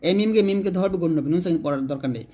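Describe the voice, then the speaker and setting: A high, mellow-voiced man gives an online Quran recitation lesson on its rules. He asks his own questions, answers them, and draws out example syllables slowly.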